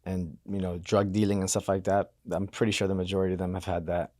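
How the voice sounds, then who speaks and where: A man in his thirties from Miami, a podcast guest, telling his life story in a relaxed, rambling way with lots of fillers. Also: low-pitched, quick pace, no room sound, studio quality. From Miami, Florida. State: banged up from hockey. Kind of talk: casual interview talk.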